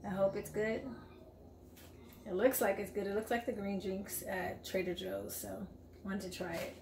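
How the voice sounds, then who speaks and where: A woman in her forties talks cheerfully to viewers in a casual grocery haul vlog, with the camera at arm's length in her home kitchen. Her medium-pitched voice is flat in delivery, creaky and a little mellow, at a normal speed. Echo and faint room noise are audible.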